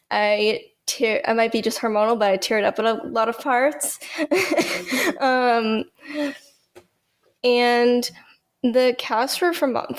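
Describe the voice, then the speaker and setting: A woman with a somewhat high voice co-hosts a podcast, chatting casually and laughing easily. Her tone stays relaxed and conversational, like a friend giving her opinion. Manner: chatty and easygoing, quick to laugh. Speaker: podcast co-host.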